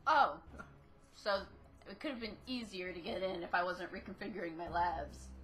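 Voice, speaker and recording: A woman's voice: fairly low pitch, moderate pace, a bit bright. A woman giving casual gameplay commentary with her sister, joking, swearing and laughing often.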